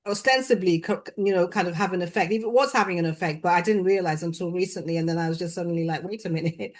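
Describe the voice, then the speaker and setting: A woman in her sixties hosting an interview, speaking softly and haltingly with many restarts. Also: lowish voice. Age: 60s. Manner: soft, halting, many restarts and trailing words. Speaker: host. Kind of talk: heartfelt conversational interview.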